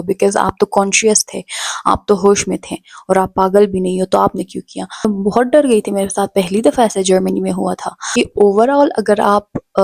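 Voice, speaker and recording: A woman's voice: medium pitch, vocal fry, darkish tone, no echo. A young woman from Pakistan telling her story in a chatty vlog, switching between Hindi-Urdu and English. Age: young adult. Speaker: vlogger.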